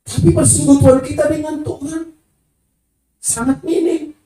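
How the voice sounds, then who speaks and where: A woman delivers a sermon in a high voice, emphatic and calling out to the congregation, now and then singing a phrase. She sounds distant from the mic in a church hall, with heavy echo all around her. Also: steady tone, unhurried, warm tone. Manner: emphatic, calls out to the congregation, sometimes sings phrases. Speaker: preacher. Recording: echoey hall, voice from far off.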